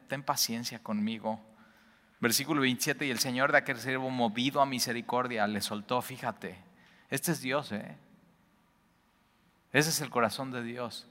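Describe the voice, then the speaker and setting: A man preaching a sermon, swinging between emphatic bursts and hushed, intimate lines. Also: medium pitch. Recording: long reverb of a large hall.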